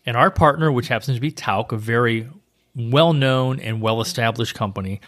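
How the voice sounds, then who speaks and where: A man's voice: mid-range voice, moderate pace, fairly bright tone. Chatty male travel podcast host. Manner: informative, chatty. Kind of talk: casual podcast chat.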